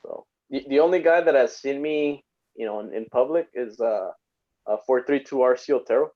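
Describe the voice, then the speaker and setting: A man's voice: medium pitch, normal speed. A man in his late twenties from Texas, talking hesitantly with many fillers and giggling in a casual livestream chat. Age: 20s. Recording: dull lo-fi sound.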